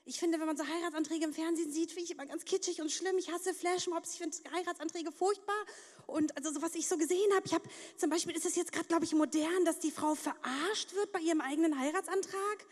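Young woman comic, high-pitched and brash, crude stand-up in a reverberant hall. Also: fast. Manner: brash, crude punchlines, acts out voices. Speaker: stand-up comedian. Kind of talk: stand-up comedy set. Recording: long reverb of a studio hall.

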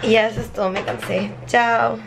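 A woman's voice: on the high side, steady tone, normal speed, creaky. A young woman chatting casually in an offhand, teasing way for a vlog in a small apartment. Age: young adult. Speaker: vlogger. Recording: echoey room with loud background noise.

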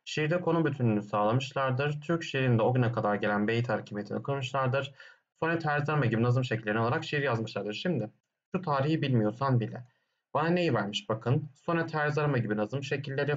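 A man's voice: medium pitch, highs cut off. A male teacher, working through exam questions one by one and posing his own questions before answering them. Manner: explains step by step, asks himself questions and answers them; hums "dın dın dın" between points. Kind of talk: exam question walkthrough lesson.

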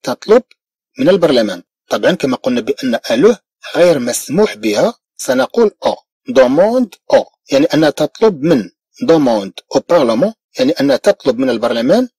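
A Moroccan man teaches a French grammar lesson, his pitch rising and falling a lot as he explains. He slows right down for model sentences. His voice is soft and a little husky, recorded close and dry. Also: no echo. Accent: Moroccan Arabic. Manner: switches between lively explanation and slow careful model sentences.

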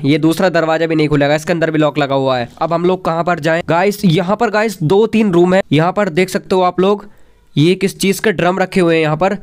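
A young man giving excitable, chatty game commentary voice-over, talking straight to his viewers. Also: sits high, smooth. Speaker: gaming video creator. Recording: faint background music.

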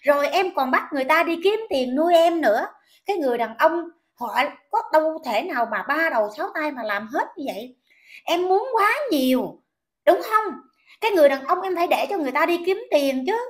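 High-pitched woman, southern vietnamese accent, indignant ranting commentary, keeps asking why. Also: lively intonation, quick pace. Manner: indignant, scolding, repetitive questions.

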